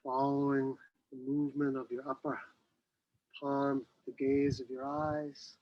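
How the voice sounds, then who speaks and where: A man teaching qi gong, giving serene, unhurried movement and breathing cues with long pauses. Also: mid-range voice, completely flat delivery, dry recording, lo-fi sound. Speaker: qi gong instructor.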